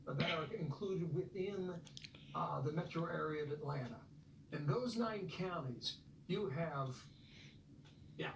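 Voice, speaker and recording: A man's voice: fairly high pitch, roomy sound, distant mic, background noise. An American man explaining voting figures as an analyst in a live news segment. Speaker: election analyst.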